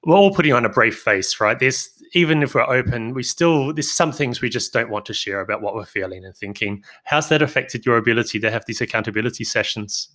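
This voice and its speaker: A New Zealand-accented man hosts a podcast interview, his voice bright and forward at a mid pitch. He asks his questions in a friendly, direct way. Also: expressive, a little fast, hardly any pauses. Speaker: podcast host. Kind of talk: casual interview conversation.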